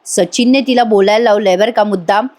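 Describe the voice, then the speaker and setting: A woman's voice: medium pitch, a little fast, darkish tone. A woman giving a chatty voice-over recap of a TV serial, talking to viewers directly. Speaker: TV serial reviewer.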